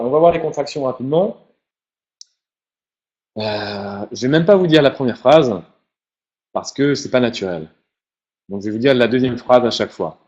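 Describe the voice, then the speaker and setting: Male teacher, casual lesson, mid-pitch, slightly muffled lo-fi audio. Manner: relaxed, repeats English example phrases slowly. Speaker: English teacher. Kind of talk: informal language lesson.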